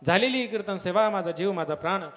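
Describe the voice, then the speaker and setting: A man preaching a devotional kirtan sermon at a village gathering, fervent, swelling to loud exclamations. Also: high voice, lively intonation, fast, music in the background. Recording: long hall reverb with harmonium and tabla.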